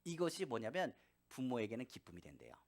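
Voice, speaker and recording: A man's voice: mid-range voice, brisk. A male pastor preaching a sermon in church, telling stories and acting out the voices in them. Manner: animated storytelling, acting out quoted voices. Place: church sanctuary.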